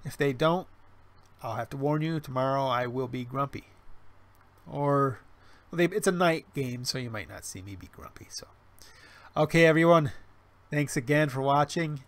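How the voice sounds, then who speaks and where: A man in his forties chats casually on a livestream and reads chat, speaking in a mid-range voice at normal speed with frequent pauses. Heard through a webcam mic, his talk rambles with restarts and fillers and carries a wry, self-mocking humor.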